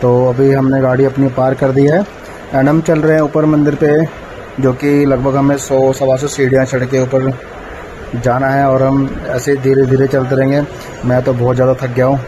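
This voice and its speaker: A man vlogging casually while climbing outdoor temple steps, out of breath and tired, often pausing with fillers. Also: mid-range voice, flat delivery, dark tone, a little hiss or hum, poor audio. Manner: chatty, tired, filling pauses with "matlab". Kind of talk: casual travel vlog narration. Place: outdoor hillside stairway to a temple. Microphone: phone camera held while walking.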